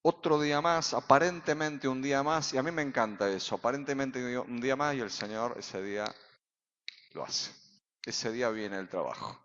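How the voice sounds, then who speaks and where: A man with an Argentine accent, a pastor preaching a sermon in a church, full of rhetorical questions and sudden shouts. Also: medium pitch, moderate pace. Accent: Argentine Spanish. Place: church sanctuary. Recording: reverberant hall, dull sound.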